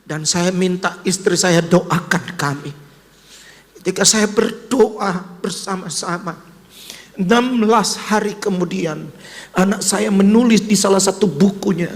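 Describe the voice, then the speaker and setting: A man's voice: a little slow, in a large hall. A man preaching a sermon with a personal testimony, speaking emotionally and addressing the listeners directly. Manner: emotional, voice rising to high cries when quoting his son. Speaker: pastor.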